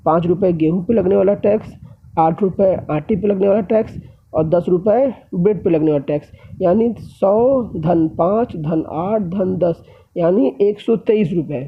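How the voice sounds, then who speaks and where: Man, economics lecture, high-pitched, gravelly, tinny phone-like sound. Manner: explains step by step, often addressing viewers as friends. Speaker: economics teacher. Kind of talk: classroom lecture.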